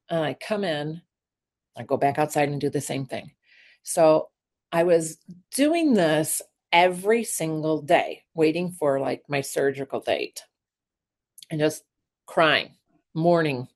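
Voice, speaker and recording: A middle-aged woman, a podcast guest, telling a personal story earnestly, halting with many fillers. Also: low-pitched.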